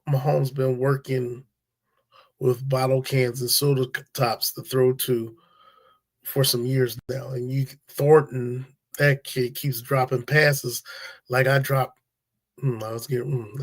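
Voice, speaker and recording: A man's voice: medium pitch, little pitch movement, a little slow, fairly bright tone. A man hosting a casual sports talk stream, blunt and opinionated, using slang and talking straight to his viewers. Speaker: sports talk show host. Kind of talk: casual sports commentary livestream.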